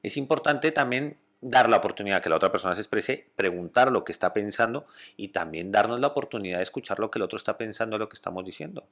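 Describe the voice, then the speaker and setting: A man with a Spanish accent, a psychologist calmly explaining communication and often checking that listeners follow. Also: on the low side, fast talker, few pauses. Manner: calm, explanatory, checks understanding with "¿vale?".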